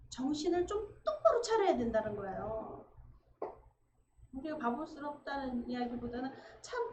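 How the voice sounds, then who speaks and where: A woman preacher giving a conversational sermon, acting out everyday dialogue with sudden lively bursts. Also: high-pitched. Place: church sanctuary. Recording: echoey room, dull lo-fi sound, faint noise.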